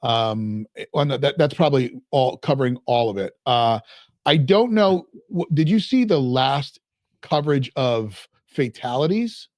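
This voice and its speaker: A man's voice: medium pitch, expressive, unhurried, a little mellow, no echo, studio quality. A man hosting a casual podcast, rambling a little and reading out numbers. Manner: rambling, reads out figures. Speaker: podcast host.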